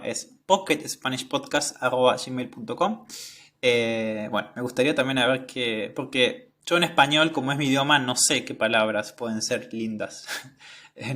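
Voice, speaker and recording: A man's voice: mid-range voice, sharp tone. A man with an Argentine accent hosting a casual Spanish-learning podcast, speaking in a reflective, hesitant way with frequent filler sounds and reading passages aloud. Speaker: podcast host and Spanish teacher.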